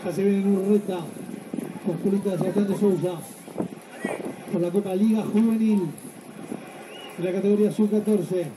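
A man's voice: high voice, steady tone, normal speed, pauses often. A man working as a commentator, giving live commentary on a football match. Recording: noisy outdoor stadium with crowd. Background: crowd and outdoor stadium noise.

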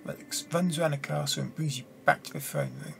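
Gravelly young man commentating on a game. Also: fairly high pitch, sing-song, a little fast, noisy background. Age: young adult. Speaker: gamer playing and commenting on a card game. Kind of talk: casual gameplay commentary, reading game text aloud. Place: small room indoors at a desk. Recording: game music behind the voice. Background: game music.

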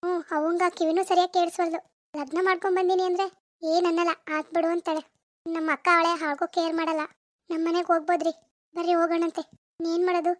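A woman voicing a gentle young village wife in a cartoon, with a North Karnataka accent and a soothing, reassuring manner. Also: extremely high pitch, level tone, fast talker, no echo. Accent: North Karnataka Kannada.

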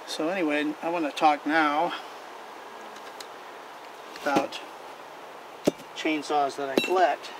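Older male hobbyist host, folksy and rambling, flat even delivery, recorded outdoors on a distant camera mic with a steady hum behind. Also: mid-range voice. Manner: rambling, folksy, restarts sentences often. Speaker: vintage equipment collector and channel host. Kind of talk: casual show-and-tell talk. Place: outdoors in an overgrown backyard. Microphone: camera mic from several feet away.

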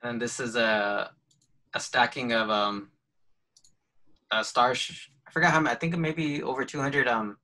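Guest, male, bright tone, halting and modest, webcam mic at home. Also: mid-range voice, fairly even intonation, rough recording. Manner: hesitant, full of fillers and restarts, laughs lightly. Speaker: photographer guest. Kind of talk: casual video call chat.

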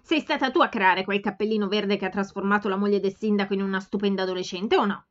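A blunt, outspoken young woman presses her point with forceful insistence, as a woman reader puts her on. Her voice sits at an ordinary mid pitch. The home recording sounds slightly dull. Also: fairly even intonation, fast, natural voice. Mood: insistent.

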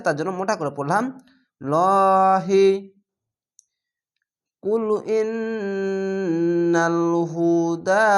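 A man teaching Quran reading, explaining each rule and then chanting the words slowly and drawn out. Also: sits high. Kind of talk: spelled-out recitation lesson.

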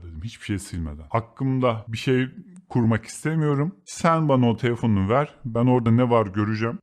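A man's voice: mid-range voice, a little mellow. A young man from Turkey telling a personal story as a podcast host, in a blunt, slangy way that swears freely. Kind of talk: casual confessional storytelling.

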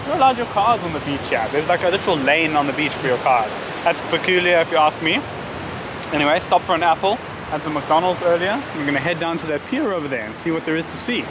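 A man's voice: a little high, animated, quick pace, background noise. A young man in his twenties with a South African accent, chatting upbeat to a handheld camera while walking outdoors on trails and a beach. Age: 20s. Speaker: travel vlogger. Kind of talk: casual travel vlog. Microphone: camera held at arm's length.

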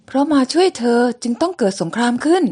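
A woman's voice: sits high, animated, quick pace, warm tone. A woman voicing a proud, protective young pharaoh from an old comic, speaking firmly. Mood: tender.

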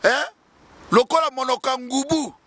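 A man in his forties giving an impassioned political address to camera in a city square, speaking into a handheld microphone with forceful, declamatory delivery. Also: extremely high pitch, a little slow. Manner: fiery, declamatory, shouting at times, gesturing. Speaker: activist news presenter. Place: city square outdoors, winter. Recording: street noise behind.

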